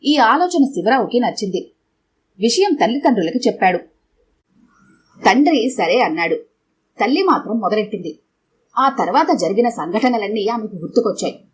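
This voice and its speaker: A woman narrating an audio story in a steady, measured reading. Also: a little high, slight background noise.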